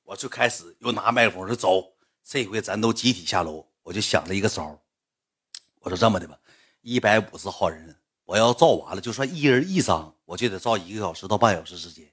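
A young man with a Northeastern Chinese accent telling a comic story in lively, chatty dialect. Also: on the low side, quick pace, slightly rough.

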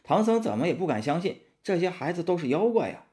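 A man narrating a children's story with a lively, expressive reading. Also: fairly high pitch, quick pace.

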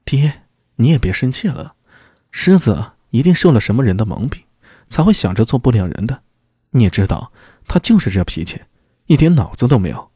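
A man's voice: mid-range voice, very animated, moderate pace, warm tone, slightly rough, no echo, clean studio sound. A man voicing a worried young brother who pleads and soothes an angry father. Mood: pleading.

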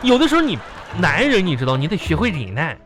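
A man's voice: high-pitched, huge pitch swings, fast, fairly bright tone, exaggerated voice. A man playing a boastful older male classmate in a live radio comedy sketch, rambling and stammering as he bluffs. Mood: bluffing. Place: radio studio. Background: music.

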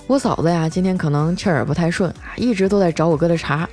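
A woman's voice: on the low side, quick pace, a little mellow, soft background music. Chatty young woman telling comic stories. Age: young adult. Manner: chatty, many filler particles. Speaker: comedy storyteller. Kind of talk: comic story narration.

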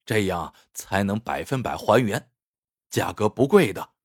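A man's voice: fairly low pitch, animated, unhurried, breathy edge, no room sound, voice pushed down, full character voice. A man voicing a friendly, shrewd middle-aged male photo studio owner with a chatty, reassuring salesman tone. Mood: businesslike.

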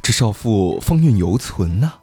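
A man's voice: on the low side, a little slow, soft background music. A man hosting a podcast, telling a ghost story in a casual, joking way with his co-hosts. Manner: lively, playful, joking with co-hosts.

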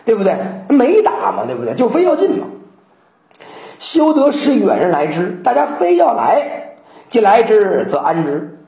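A woman gives a lively storytelling lecture on classical poetry, acting out the quotations as she goes. Her pitch swings widely from line to line, though it sits in a middle register. The room adds a clear echo. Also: moderate pace. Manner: animated, acts out quotations. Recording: roomy echo.

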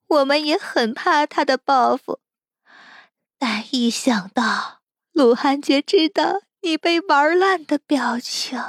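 A woman voicing a crazed, cruel kidnapper who taunts slowly and mockingly. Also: high-pitched, no echo, studio quality, voice pushed up. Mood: taunting.

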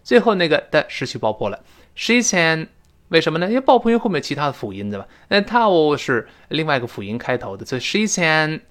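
A male English teacher lecturing in a chatty classroom manner. His pitch swings widely as he explains. He slows right down to drag out each word he demonstrates. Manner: animated, drawn-out demonstrations of pronunciation. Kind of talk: spoken-English lesson lecture.

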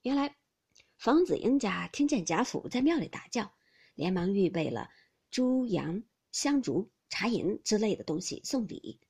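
A woman narrating a classic novel as an audiobook, with expressive, rhythmic phrasing. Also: medium pitch, measured pace, creaky, husky. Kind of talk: storytelling reading of a classic novel.

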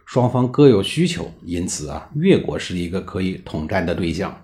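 A man tells history in a low, dark voice with a chatty, colloquial flow. His pitch moves a lot, rising and falling from phrase to phrase. Warm, drawn-out particles keep the telling relaxed. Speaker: history podcast narrator. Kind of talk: storytelling narration.

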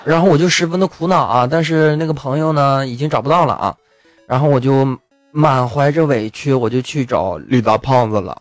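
A man's voice: medium pitch, a little fast, no echo, soft background music. A man hosting his own podcast, talking without a script in a playful, self-mocking way and often laughing as he speaks, recording alone at home at night. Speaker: podcast host. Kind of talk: unscripted comic monologue.

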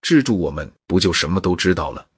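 A man's voice: low-pitched, sing-song, fast talker, breathy edge, no room sound, heavily acted. A man voicing a cunning crook who talks in an emotional, wheedling way. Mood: bitter. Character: cunning man, pleading then smug.

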